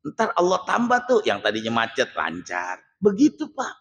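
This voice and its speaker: Man, joking preacher, lively swooping pitch, long mosque-hall reverb. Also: moderate pace. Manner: joking, asks the audience rhetorical questions. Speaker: Islamic preacher. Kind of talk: casual humorous sermon.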